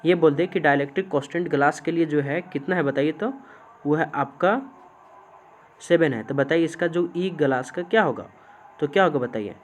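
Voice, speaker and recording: Man, physics teacher, fairly high voice, question-and-answer lecturing, slow dictation of definitions. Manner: asks the class questions and answers them himself. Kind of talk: classroom lecture.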